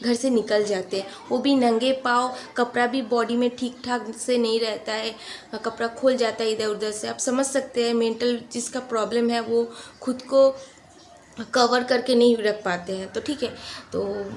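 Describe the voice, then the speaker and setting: A woman's voice: on the high side, steady tone, a little hiss or hum. Chatty young woman. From West Bengal, India. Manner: chatty, earnest, rambling with pauses. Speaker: vlogger. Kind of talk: casual storytelling vlog.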